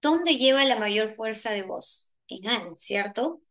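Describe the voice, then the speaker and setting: A woman's voice: on the high side, expressive, slow, sharp tone. A woman teacher walking through exam answers, explaining step by step and asking rhetorical questions, with a Peruvian Spanish accent. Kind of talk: exam solution lesson.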